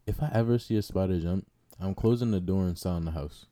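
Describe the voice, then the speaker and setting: A man's voice: deep voice, quick pace, very noisy. A young man in casual podcast banter, talking in a slangy frat-bro way as a co-host. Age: young adult.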